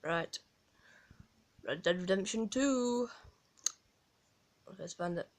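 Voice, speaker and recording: Speaking slowly at a medium pitch, a woman with a Yorkshire accent who makes gaming guides walks through a game from home. Her delivery is rambling and casual, packed with ums and restarts.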